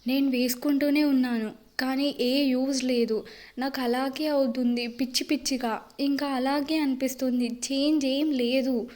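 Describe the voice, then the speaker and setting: A woman's voice: high voice, steady tone, normal speed, a little mellow, lightly acted. A woman narrator voicing a tearful young wife who pleads through sobs in an audio love story. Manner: sobbing, pleading delivery. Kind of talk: audiobook character reading.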